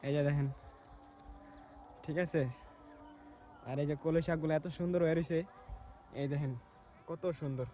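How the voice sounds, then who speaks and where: A man's voice: a little high, steady tone, normal speed, long pauses, dark tone. A man from Bangladesh vlogging outdoors while walking through mustard fields, chatty and colloquial, talking to the camera he holds. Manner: chatty, colloquial, often says "ঠিক আছে". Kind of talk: walking vlog.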